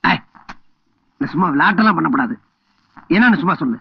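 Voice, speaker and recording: A man's voice: on the high side, expressive, fast, vocal fry, breathy edge, heavily acted. A man playing a boastful, hot-tempered village headman husband in a film comedy. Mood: irritated. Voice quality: blustering, indignant. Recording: dull lo-fi film soundtrack.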